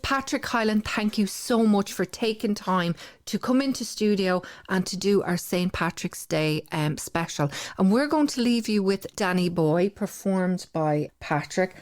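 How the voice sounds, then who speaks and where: Female radio interviewer, Irish accent, medium pitch, casual chatty delivery. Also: lively intonation, unhurried, few pauses. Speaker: radio host.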